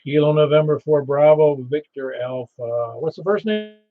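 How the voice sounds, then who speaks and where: A man's voice: fairly high pitch, expressive, normal speed. A chatty, rambling man casually hosting an amateur radio net, reading out call signs. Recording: slightly dull radio recording.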